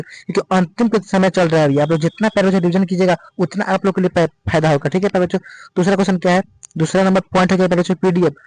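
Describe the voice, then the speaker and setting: Rapid-fire high-voiced teacher. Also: male voice, a little mellow, dry recording, low-quality recording. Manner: addresses students as dear children in nearly every sentence; urging, advice-giving. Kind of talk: online exam-prep lecture.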